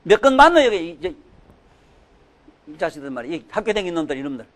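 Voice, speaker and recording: An older man giving a sermon, scolding and emphatic, swinging from loud outbursts to low mutters. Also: sing-song, fast. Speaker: Buddhist dharma teacher.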